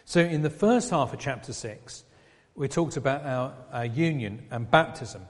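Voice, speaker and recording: A man preaching an expository sermon, explaining a passage in a measured way with pauses and restarts. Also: medium pitch. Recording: long reverb of a hall.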